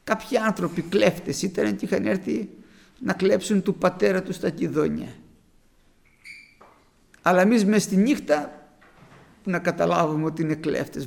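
A man's voice: high-pitched, creaky. A man preaching a testimony sermon to his congregation, telling a childhood story with fervent, rising emphasis.

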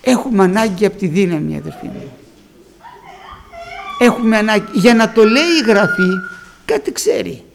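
A man's voice: high-pitched, sing-song, gravelly, pauses often, slight background noise. An older man preaching a fervent sermon, repeating phrases and calling out to his congregation as brothers. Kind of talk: Pentecostal sermon with personal testimony.

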